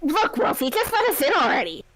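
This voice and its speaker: A woman's voice: high voice, wildly swooping pitch, brisk, a bit bright, no room sound, full character voice. A woman voicing a haughty, imperious young female prosecutor. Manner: imperious, indignant.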